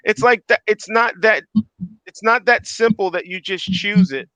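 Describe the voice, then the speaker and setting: A man's voice: high voice, moderate pace, bright, forceful tone, no room sound, poor audio. A man from Philadelphia, a guest in a casual conversation, who often repeats his first words as he starts sentences.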